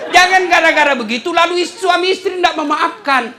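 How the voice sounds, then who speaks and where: A man's voice: very high voice, a little fast, background noise. A man preaching a humorous sermon to a live audience, acting out the voices of the people in his stories. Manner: animated, acts out voices of listeners and himself.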